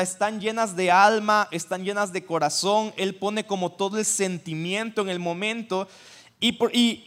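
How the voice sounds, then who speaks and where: A man's voice: sits high, a bit bright. A man preaching a sermon, conversational, often asking the audience questions. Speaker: pastor. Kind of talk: sermon teaching.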